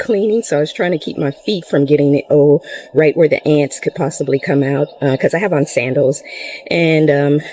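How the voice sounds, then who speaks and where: Filmed by a nearby camera, this woman chats through a gardening vlog out in her garden, breathless and full of rambling fillers. She has a warm, low-pitched voice. The recording is dry but rough.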